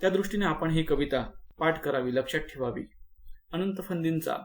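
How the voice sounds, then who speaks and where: Male lecturer, somewhat high voice, recites lines and explains them for exam prep, roomy echo. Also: moderate pace. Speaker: college lecturer.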